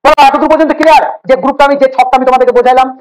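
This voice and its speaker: A man's voice: very high-pitched, flat delivery, poor audio. A man teaching biology in a casual online class, joking and teasing his students as he explains. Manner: rapid, repetitive explaining with fillers.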